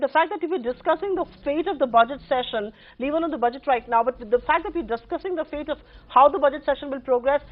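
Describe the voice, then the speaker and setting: Tinny, band-limited audio of a woman news anchor with an Indian accent. She talks very quickly in a fairly high voice, steering a panel debate with formal, emphatic questions. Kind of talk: live panel debate moderation.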